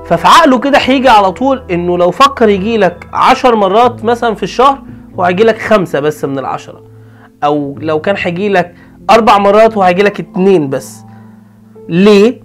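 An Egyptian man gives a brisk, animated lesson on handling customers. His voice sits high and moves quickly, and soft music plays underneath. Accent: Egyptian Arabic. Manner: animated, acts out customer exchanges. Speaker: customer service trainer. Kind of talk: energetic instructional talk.

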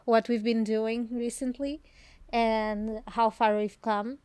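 A woman's voice: fairly high pitch, little pitch movement, slow pace, darkish tone, clean tone, no room sound. A woman co-hosting a casual podcast chat, speaking in a thoughtful, earnest way. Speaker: podcast co-host.

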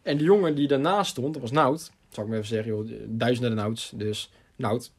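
A young adult man casually telling a funny school story, animated and laughing as he goes, with lots of fillers. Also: mid-range voice, brisk, breathy edge.

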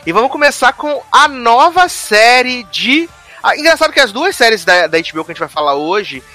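High, bright-voiced Brazilian man chatting. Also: normal speed, soft background music. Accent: Brazilian Portuguese. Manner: chatty, animated storytelling with many fillers. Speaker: podcast host. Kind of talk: casual chat reviewing a TV series.

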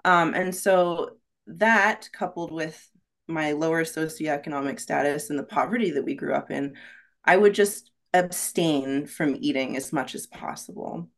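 This podcast guest, a rock climbing guide, has a deep voice and a measured pace. She comes across as candid and earnest, reflecting thoughtfully and checking in with listeners using frequent "right?" tags.

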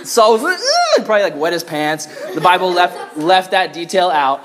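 A man's voice: high-pitched, normal speed, a bit bright. A young man giving a casual, joking youth sermon, full of "like" and playful asides. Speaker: youth pastor. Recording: echoey hall reverb.

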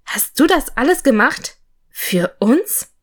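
A woman voicing an excitable, warm-hearted young witch in a storybook, speaking brightly and eagerly. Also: on the high side, moderate pace, close to an everyday voice. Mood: amazed.

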